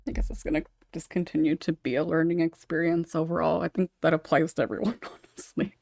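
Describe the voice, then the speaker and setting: Low-voiced and gravelly with a darkish tone, this woman speaks quickly and with flat delivery while hosting an informal podcast panel over an online voice call, giggly and hesitant throughout. She uses her own mic with noise suppression, giving a dry, close recording with clean studio sound and no echo.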